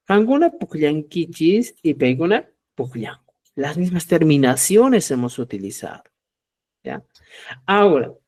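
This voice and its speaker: A middle-aged man teaching a live Quechua lesson, lively and acting out both sides of short dialogues, often checking with viewers and calling them dear friends. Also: fairly high pitch. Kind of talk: live online language lesson.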